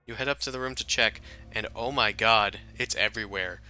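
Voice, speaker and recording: A man's voice: fairly low pitch, a little fast, bright, forceful tone, clear, resonant tone, faint music behind, rough recording. A man working as game master, improvising tabletop game narration in an informal, descriptive way.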